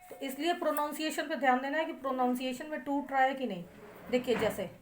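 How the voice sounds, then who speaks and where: A woman teaching a lecture, spelling words out letter by letter and drawing out syllables slowly, with an Indian English accent on English words. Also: sits high, a little hiss or hum. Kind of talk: classroom lecture.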